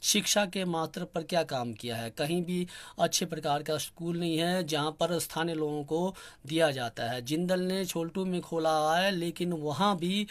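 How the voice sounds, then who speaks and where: A young man from Kinnaur, speaking earnestly in a soft, quiet voice and pausing often with fillers as he makes a public appeal. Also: on the high side. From Kinnaur, Himachal Pradesh, India. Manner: earnest, complaining, many pauses and fillers. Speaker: local activist speaking on a channel.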